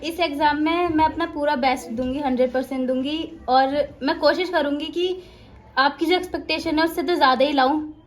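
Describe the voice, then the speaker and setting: A teenage schoolgirl with a high, light voice answers her teacher earnestly and eagerly in a classroom. She speaks plainly and sincerely. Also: fairly even intonation, fairly quick. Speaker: student.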